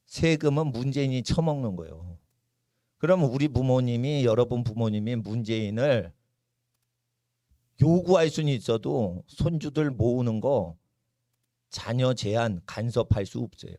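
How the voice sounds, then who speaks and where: A man's voice: a little mellow, no echo, studio quality. A man preaching a fiery sermon at a church service, emphatic and often asking the congregation to respond, then leading a chanting prayer. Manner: emphatic, keeps asking the crowd "예?"; chanting prayer rising in pitch. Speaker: pastor.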